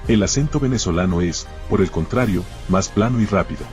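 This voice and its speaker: A man narrating a scripted rebuttal in a measured, lecturing and combative way. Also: deep voice, animated, darkish tone. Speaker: commentator narrating a rebuttal video. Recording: dull lo-fi audio with faint music.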